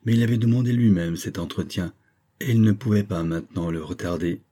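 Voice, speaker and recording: A man narrating a classic novel in a measured, expressive reading. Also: low voice. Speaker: audiobook narrator. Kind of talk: literary audiobook narration.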